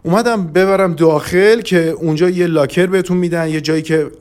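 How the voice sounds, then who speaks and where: Male podcast storyteller, a touch high-pitched, rambling and hesitant as he recounts a trip. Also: fairly even intonation, darkish tone, clean tone. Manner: rambling, with frequent hesitations and restarts. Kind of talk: casual first-person travel storytelling.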